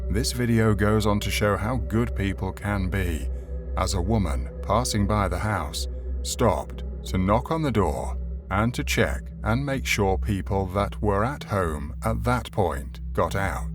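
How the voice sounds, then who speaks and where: A man with a fairly low voice delivers scripted narration as the narrator of a video compilation. Music plays clearly behind him. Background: background music.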